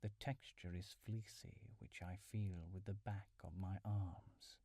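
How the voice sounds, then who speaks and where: In a soothing, measured way, a man instructs listeners through a guided mindfulness meditation, his voice sitting low and his phrases ending in soft breaths. The dry recording was made in a small furnished room at home.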